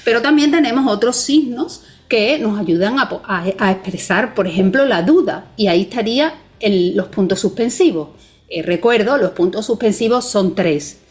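A woman's voice: mid-range voice, animated, moderate pace. A woman guest explaining punctuation in a conversation, patient and methodical, often checking in with tag questions. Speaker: Spanish language expert guest.

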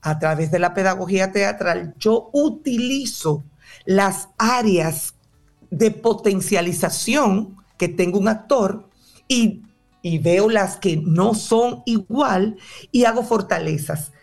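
Female stage director, mid-pitched, emphatic and eager to explain, with faint music underneath. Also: slow pace. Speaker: theater director and drama teacher. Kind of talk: interview answers.

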